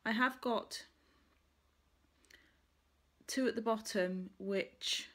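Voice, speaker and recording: Here a woman vlogger with a fairly high voice speaks extremely slowly. She's chatting to camera about her stitching crafts, wandering off track and correcting herself as she thinks out loud.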